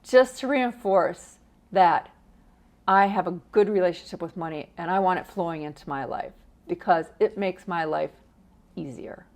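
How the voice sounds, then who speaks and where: A woman's voice: lowish voice, moderate pace. A middle-aged woman giving a casual, encouraging motivational talk to camera, acting out the phrases she quotes with gusto. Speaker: personal finance vlogger.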